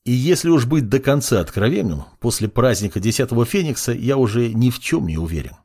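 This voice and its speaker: A man's voice: medium pitch, very animated, fairly quick, darkish tone, slightly rough, voice pushed up. A man voicing a young male judge who is irritated and condescending, speaking in a brusque, lecturing way in an audiobook.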